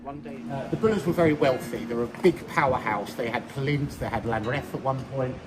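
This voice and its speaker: A man's voice: mid-range voice, moderate pace, a crowd in the background. A man talking informally as a local history tour guide, chatty, explanatory and a little wry. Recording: echoey, music laid over.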